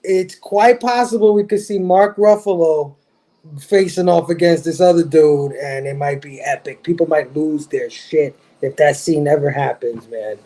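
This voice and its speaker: A man's voice: a little high, normal speed, warm tone. A man hosting a casual pop culture chat on a live stream, laughing often and hyping up his co-hosts. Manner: laughs often, hypes up the panel. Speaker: podcast host. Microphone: video call.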